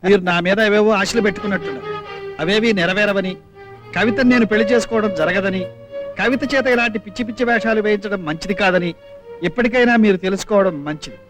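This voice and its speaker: Brief: actor doing a curt, aloof young man, high lively voice, clear film score underneath. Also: quick pace, over music, close to an everyday voice. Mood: curt, firm. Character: stern aloof young man refusing a marriage.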